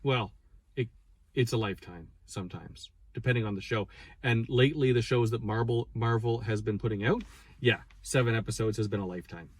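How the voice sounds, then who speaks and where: A man's voice: lowish voice, a little fast, breathy edge. A man co-hosting a casual movie review chat with playful, bantering talk. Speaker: podcast co-host.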